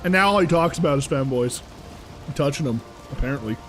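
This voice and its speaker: A young man live-streaming a video game, chatting casually with his viewers in an animated, exasperated ramble full of fillers. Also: mid-range voice, fast, soft background music, rough recording. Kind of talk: casual live-stream chat while playing.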